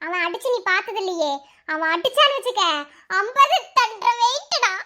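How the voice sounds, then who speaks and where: Very high, shrill feisty young wife. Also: female voice, expressive, normal speed, very noisy. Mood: threatening. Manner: scolding, shrill, combative. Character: feisty kidnapped young wife, scolding and threatening, cartoonish. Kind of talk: melodramatic comic story dialogue.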